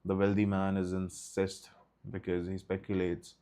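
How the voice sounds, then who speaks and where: A man leading a study session reads from a textbook in a low, warm, smooth monotone at normal speed. His reading is steady, interrupted now and then by short asides.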